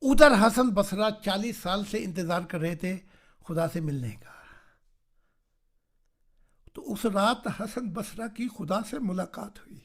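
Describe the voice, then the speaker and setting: A male preacher telling a religious story on a video call, animated, who keeps asking his listeners whether they understand. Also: high voice, long pauses. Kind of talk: storytelling sermon. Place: online meeting.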